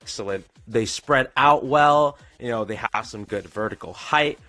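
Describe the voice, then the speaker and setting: Man in a pitched-up, halting voice. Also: bright, forceful tone, dry recording. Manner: halting, repeats phrases and stumbles over words. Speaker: streamer. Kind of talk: tier-list video narration. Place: pre-recorded video played on stream. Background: faint background music.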